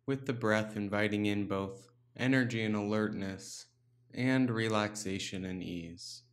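In a low, calm voice, a man leads a meditation, his instruction slow and unhurried. He leaves pauses after each brief phrase.

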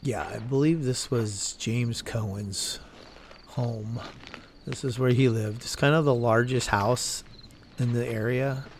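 A man casually narrating as he walks through an abandoned desert building at night, with a camera strapped to his chest, rambling slowly and correcting himself as he goes. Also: mid-range voice, a little hiss or hum. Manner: slow, rambling, self-correcting. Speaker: urban explorer vlogger. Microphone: chest-mounted camera.

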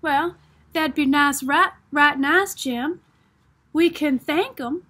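A woman's voice: high voice, slow pace, sharp tone, exaggerated voice. A woman reading the part of a curious, chatty little girl with a Southern small-town drawl. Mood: eager. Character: eager, curious little girl, quick to talk. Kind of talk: audiobook reading.

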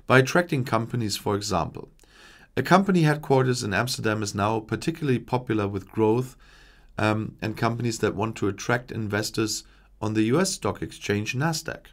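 A man in his forties reading political news from a script at a desk microphone in a small home studio, measured and steady with small slips. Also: lowish voice. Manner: measured, reads long official passages with small slips. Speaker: news commentator. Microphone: desk microphone in front.

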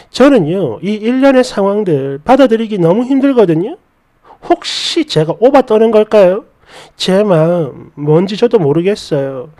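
Man, story narrator, high voice, lively pitch, exasperated scripted retelling.

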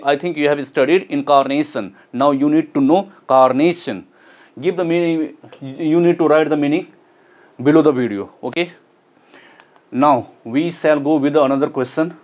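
A man's voice: a little high, a little mellow. Man teaching English. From Nepal. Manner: repeats key words slowly for students. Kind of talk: exam solution lesson.

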